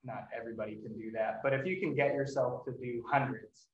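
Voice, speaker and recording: A man's voice: mid-range voice, steady tone, brisk. A man chatting casually as a podcast host, in a hesitant, rambling, self-deprecating way. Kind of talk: casual chat, hosting an interview podcast. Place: indoors, in-person podcast recording. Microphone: microphone at some distance, no windscreen. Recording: echoey room, distant mic, dull sound.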